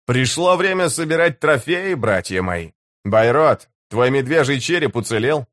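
A man's voice: mid-range voice, lively intonation, unhurried, a bit bright, no echo, studio quality. Karsa, a man voicing a fierce young warrior chief. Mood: commanding. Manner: bold, declaiming, commanding.

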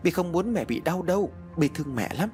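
A man's voice: a little high, animated, fairly quick, darkish tone, soft background music, voice pushed up, lightly acted. A man voicing the ghost of a small girl who is clingy, stubborn and tearful in a spoken ghost story. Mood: pleading. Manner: childish, pleading and stubborn.

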